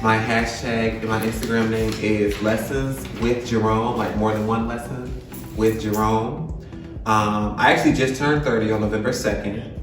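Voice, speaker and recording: A man's voice: lowish voice, steady tone, moderate pace, over music. A man of thirty introducing himself as a tennis instructor, earnest and plain-spoken. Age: 30s. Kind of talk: casual self-introduction. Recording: echoey room, distant mic.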